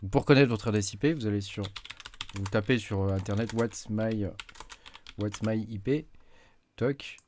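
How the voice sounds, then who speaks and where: A man's voice: lowish voice, moderate pace, long pauses, a little mellow, slight background noise. A man giving a casual screen-recorded tutorial, hesitant with many fillers as he clicks through menus at his desk mic. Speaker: tech YouTuber.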